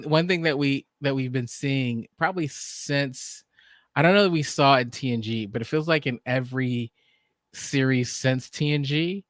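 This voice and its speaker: A man co-hosting a podcast shares his views in a halting, restarting way as he thinks aloud. His voice has a middling pitch. The recording is dry and close. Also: fairly bright tone, no room sound. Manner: halting, with frequent restarts and um's. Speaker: podcast co-host. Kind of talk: casual review chat.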